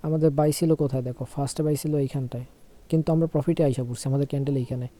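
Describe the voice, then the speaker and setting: A young man, unwell and speaking slowly, giving a casual screen-share trading tutorial and often checking "okay?". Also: mid-range voice, steady tone, warm tone. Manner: slow, repeats phrases, asks "okay?" often.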